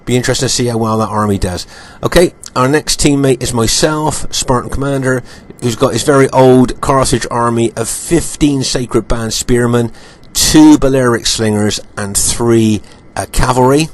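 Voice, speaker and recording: This man, a game commentator, has a croaky voice because he's getting over an illness. Speaking at a medium pitch over gameplay footage, he's in no rush, peppers his talk with ums and uhs, and says things more than once.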